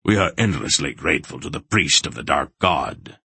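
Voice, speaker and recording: A shrewd old man of magic from a fantasy audiobook, acted by a male narrator. His voice is very low and a little rough, with formal phrasing. It is recorded dry and close. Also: little pitch movement, moderate pace, bright, forceful tone, no room sound, exaggerated voice. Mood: smooth, deferential. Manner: formal, deferential. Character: wily old male sorcerer posing as humble pilgrim.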